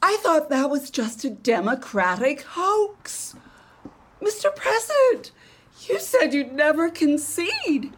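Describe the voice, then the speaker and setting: A credulous, indignant female reporter, acted by a woman, pitched high and speaking slowly. The questions come out incredulous, with big swings in pitch, in a comedy press conference. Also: very animated, exaggerated voice. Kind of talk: satirical press conference sketch.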